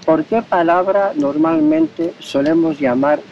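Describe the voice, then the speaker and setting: A man's voice: fairly high pitch, very animated, takes it slowly, creaky. A man from Spain conducting a street interview outdoors, asking leading questions and explaining his points at length. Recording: dull audio with faint street noise.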